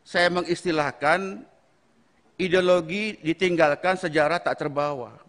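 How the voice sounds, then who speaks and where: A man on a parliamentary committee, making measured, critical, formal remarks. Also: fairly high pitch, a bit bright. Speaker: committee member. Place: large parliamentary meeting room. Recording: long reverb in a hearing chamber.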